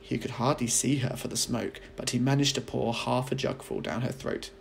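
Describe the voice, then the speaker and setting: A man, a teacher reading a children's audiobook aloud as an expressive storyteller. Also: mid-range voice, normal speed, creaky, a little hiss or hum.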